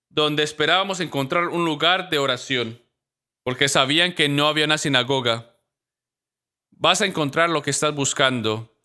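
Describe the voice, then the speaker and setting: A pastor preaching a sermon in a lively storytelling manner, acting out the voices of the people in his stories. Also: a little high, clean tone.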